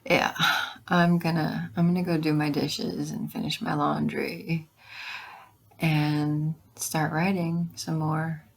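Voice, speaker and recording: A woman chatting casually to viewers in a halting way, her hoarse voice giving out and breaking into whispers. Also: sits low, little pitch movement. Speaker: vlogger.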